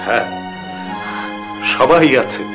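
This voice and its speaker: A middle-aged actor playing a remorseful father who speaks gravely and hesitantly in a TV drama. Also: slow pace, music in the background, lightly acted. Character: remorseful father revealing a family secret. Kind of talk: TV drama acting.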